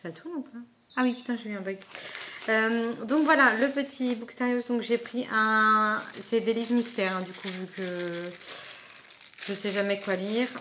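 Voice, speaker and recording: A woman's voice: a little high, steady tone, measured pace, sharp tone, a little hiss or hum. A woman vlogging casually as she unboxes a book subscription box, chatty and thinking aloud with frequent asides.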